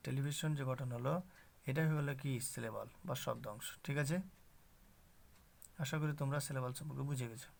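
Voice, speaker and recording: Gravelly male teacher explaining grammar. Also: medium pitch. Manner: explains slowly with rhetorical questions to students. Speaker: English teacher. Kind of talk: classroom grammar lesson.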